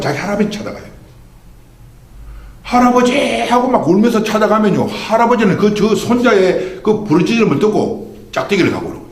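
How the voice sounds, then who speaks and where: Pastor, male, fairly high voice, lively swinging delivery, rhetorical questions, reverberant sanctuary. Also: slight background noise. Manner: preaching with rhetorical questions and call-and-response. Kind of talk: Sunday sermon. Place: church sanctuary. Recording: echoey church hall.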